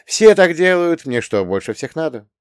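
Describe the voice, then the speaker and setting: A man doing a cocky young auditor, lively. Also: fairly high pitch, moderate pace, smooth, no echo, studio quality, voice pushed up. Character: cocky, confident male auditor hero, young adult.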